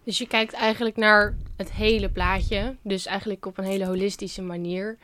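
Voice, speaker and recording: A woman's voice: mid-range voice, fairly even intonation, normal speed, fairly bright tone, slight background noise. A woman hosting a podcast interview, asking questions in a friendly, chatty way. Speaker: podcast host.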